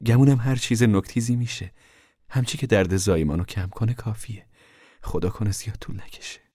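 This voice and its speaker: A man voicing a steady, caring mother of a poor migrant family, speaking calmly, firmly and plainly. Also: lowish voice, breathy edge, dry recording, clean studio sound. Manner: calm, firm, plain-spoken.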